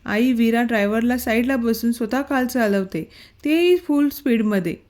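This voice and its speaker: A man's voice: extremely high pitch, moderate pace, darkish tone. A woman voicing a stern, protective young husband who speaks in curt commands. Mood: complaining.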